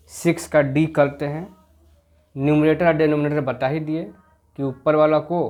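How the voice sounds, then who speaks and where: A man teaching a children's maths class, explaining slowly and repeating each point patiently, and reading the English text aloud very slowly. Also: a little high, darkish tone. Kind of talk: explaining a school maths lesson.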